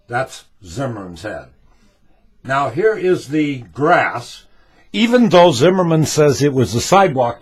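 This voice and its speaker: A man's voice: medium pitch, slightly rough. A man making a homemade commentary video, talking emphatically and demonstrating with props as he goes. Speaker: amateur video maker.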